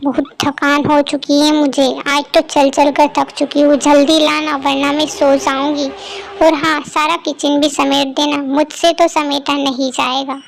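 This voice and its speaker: A lazy, rude young daughter-in-law from a cartoon story, put on by a woman narrator. She barks demands in a high voice with little rise and fall. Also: level tone, a little slow, gravelly, slight background noise. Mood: bossy. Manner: bossy and demanding.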